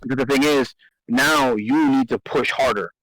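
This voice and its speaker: A man's voice: mid-range voice, normal speed, a bit bright, no room sound, low-quality recording. A man in casual talk, explaining game strategy and often restarting and repeating his phrases for emphasis. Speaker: host. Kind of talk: casual gaming strategy discussion.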